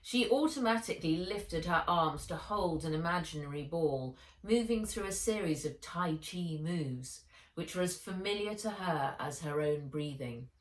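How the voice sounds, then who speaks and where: In an echoey room, a woman with a lowish, animated voice narrates her own children's adventure novel for an audiobook at a moderate pace. She reads with expression and dramatic emphasis.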